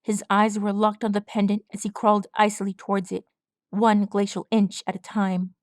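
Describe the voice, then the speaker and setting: A woman reads a story aloud in an audiobook style, with dramatic, vivid narration. Her voice sits at an ordinary middle pitch. The sound is dry and close, with no room echo. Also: flat delivery, moderate pace, darkish tone. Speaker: audiobook reader. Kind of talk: audiobook reading of fan fiction.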